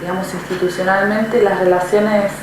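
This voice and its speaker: A woman's voice: mid-range voice, level tone, moderate pace. Woman interviewer in a very echoey room. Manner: tentative, searching phrasing. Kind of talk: oral history interview questions. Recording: very echoey room with noise, off-mic.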